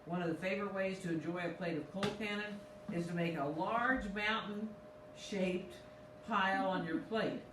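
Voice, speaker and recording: Chatty excitable woman pastor. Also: mid-range voice, normal speed, reverberant, far from the mic, background noise. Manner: chatty and excitable, reads recipe lore aloud. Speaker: pastor and cooking show co-host. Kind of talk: casual cooking chat, reading aloud. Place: church kitchen.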